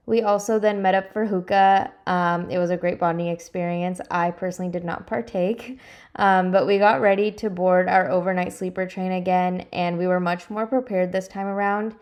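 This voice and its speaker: A woman's voice: medium pitch, echoey room. Chatty young woman vlogger. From California. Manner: relaxed, chatty, frequent "um" fillers. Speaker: travel vlogger. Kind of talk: casual voice-over narration.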